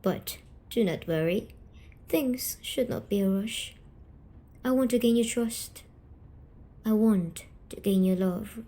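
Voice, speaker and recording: A woman with a mellow, mid-range voice tells a scripted ASMR roleplay story slowly and softly, coaxing the listener and slipping into whispers. She plays a gentle, patient, eerie female sleep paralysis demon comforting a dreamer.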